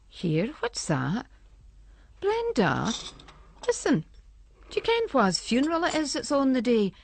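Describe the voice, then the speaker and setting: Reading a radio story written as a dramatic monologue in Scots dialect, a woman acts out an anxious, talkative Scottish wife who is fretting because her husband has gone missing. Her voice is natural and mid-range. She keeps it colloquial and conversational, as though speaking to a friend we never see.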